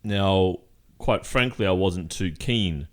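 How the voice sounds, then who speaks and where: A man playing a guilty boyfriend in an ASMR role-play, speaking haltingly and carefully with long pauses. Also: sits low. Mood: halting, uneasy. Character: hesitant guilty boyfriend confessing, soft and careful.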